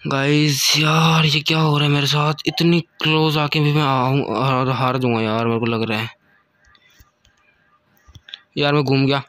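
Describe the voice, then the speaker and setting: A man with a fairly high voice commentates his own game run, switching between Hindi and English words. He is excitable, pleading and yelping during hard fights. It sounds like a home computer mic with a screen recorder. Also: unhurried, long pauses, dry recording. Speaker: gaming channel host. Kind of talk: let's-play commentary.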